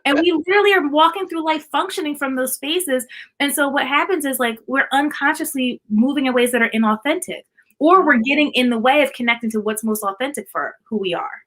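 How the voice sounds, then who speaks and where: A woman's voice: high-pitched, brisk, a bit bright. A woman speaking as an art therapist guest in a casual live-stream chat, explaining earnestly and repeating key points for emphasis.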